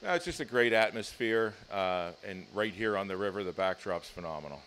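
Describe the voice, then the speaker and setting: Low-voiced middle-aged man, easygoing. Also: lively intonation, a little fast, fairly bright tone, slight background noise. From Pittsburgh. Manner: easygoing, hesitant with fillers. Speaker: team president. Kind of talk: casual interview answers. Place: stadium offices and deck. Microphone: handheld mic held by interviewer.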